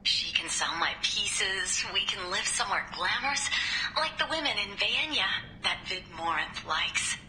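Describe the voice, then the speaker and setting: An insecure, lovestruck young artist confiding in a video game diary. The tone is very bright and dreamy. The recording is echoey, with faint noise behind it. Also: female voice, medium pitch, lively intonation, unhurried. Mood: infatuated. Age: young adult.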